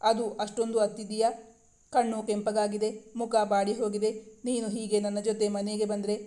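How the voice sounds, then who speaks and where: Man doing teasing older brother, breezy and frank, high even voice, storybook reading. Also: normal speed, close to an everyday voice.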